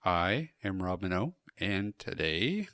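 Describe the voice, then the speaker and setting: Chatty low-voiced male podcast host. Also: big pitch swings, slow pace, fairly bright tone, no echo, studio quality. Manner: chatty, curious, asks lots of questions. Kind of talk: casual chat.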